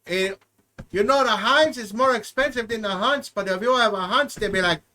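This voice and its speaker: Man doing a boastful barbecue guy, exaggerated put-on Mexican Spanish accent, slangy, crude, higher voice. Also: pushed and bright. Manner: halting, slangy, crude bragging.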